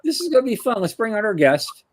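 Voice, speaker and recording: A man's voice: sits high, sing-song, fast talker, no room sound. A man hosting a podcast, talking in a casual, chatty way with informal asides. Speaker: podcast host. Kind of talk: casual interview chat.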